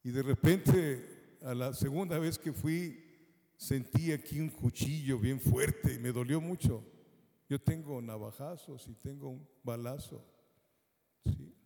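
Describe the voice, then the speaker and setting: Gravelly preacher. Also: male voice, medium pitch, slow pace. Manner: animated storytelling, acts out quoted voices. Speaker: preacher giving testimony. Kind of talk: sermon testimony. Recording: long hall reverb.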